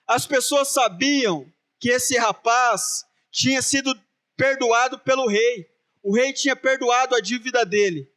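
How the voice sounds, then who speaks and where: Man, high-pitched, casual storytelling sermon. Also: a little slow, pushed and bright. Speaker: preacher. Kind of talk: sermon, retelling a parable.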